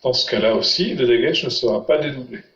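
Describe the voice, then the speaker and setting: A man's voice: mid-range voice, fast talker, fairly bright tone. A man teaching a language lesson, patiently quizzing his students. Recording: roomy, muffled lo-fi sound.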